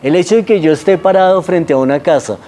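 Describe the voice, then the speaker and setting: A man's voice: high-pitched, fast, mellow. Bogotá man guiding students over a map. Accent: Bogotá Spanish. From Colombia. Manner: conversational, checks in with listeners. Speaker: guide. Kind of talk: explaining a historic city map to students.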